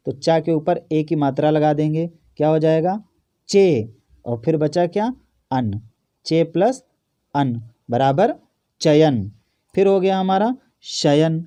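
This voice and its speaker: A man with a fairly high but mellow, dark voice teaches an exam-prep grammar lesson. He poses each question to his students and then answers it himself, going through the examples one step at a time. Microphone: phone or camera over a notebook.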